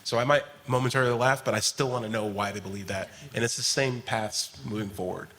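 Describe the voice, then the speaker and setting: A man on a convention panel, telling stories in an animated way and laughing along. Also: on the low side, fast talker. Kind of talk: lively anecdote telling.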